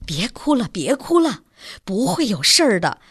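A woman voicing a gentle, coaxing young wife. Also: on the high side, big pitch swings, normal speed, slightly rough, dry recording, studio quality, heavily acted. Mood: soothing. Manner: soothing, coaxing.

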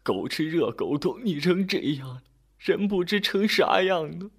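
A man voicing a worried elderly village wife, raising his pitch to scold and fuss. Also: very animated, a little slow, a bit bright, husky, full character voice. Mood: tearful. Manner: scolding, pitch raised high.

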